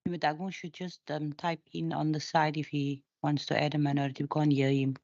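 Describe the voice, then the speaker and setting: A woman's voice: sits low, little pitch movement, a little fast, darkish tone, no echo. A woman, a committee member, speaking matter-of-factly over an online group meeting call. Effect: online group call audio. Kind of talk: remote meeting talk. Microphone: remote call microphone. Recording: dull, dry, distant call audio.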